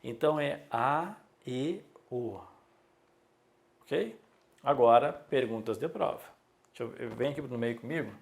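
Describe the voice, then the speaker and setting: Brief: Brazilian male teacher, gravelly, slow and emphatic lecture delivery. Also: mid-range voice. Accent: Brazilian Portuguese. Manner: emphatic, drawn-out teaching delivery with rhetorical questions. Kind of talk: classroom lecture.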